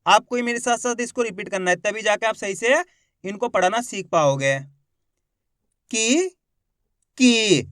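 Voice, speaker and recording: A man's voice: sits high, a bit bright, dry recording. Emphatic man drilling syllables in a dry recording. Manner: emphatic, repeats assurances and calls the viewers 'friends'; drills syllables slowly, stretching long vowels. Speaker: Hindi teacher, channel host. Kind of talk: online beginner lesson.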